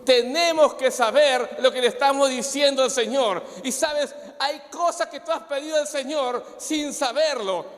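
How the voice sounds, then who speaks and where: A man preaching a fervent sermon as pastor, his voice rising to shouts at times. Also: very high-pitched, measured pace, hardly any pauses. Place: church. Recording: hall reverb with soft music behind.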